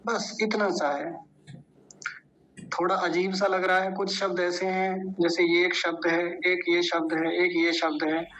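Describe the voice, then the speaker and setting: A man teaching recitation in an online class, speaking slowly and drawing out each syllable as he repeats it. His voice is in the middle range. The audio is dull and lo-fi, with a faint hiss behind it. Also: high-pitched, a bit bright. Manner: slow syllable-by-syllable recitation with repetition.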